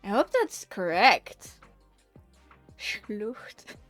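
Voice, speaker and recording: A woman's voice: mid-range voice, sing-song, very slow, a bit bright, no room sound, soft background music. A woman streaming while she paints, chatting casually with her viewers and often half-whispering to herself as she works. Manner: chatty, reacting to chat with laughs. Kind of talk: casual chat while drawing.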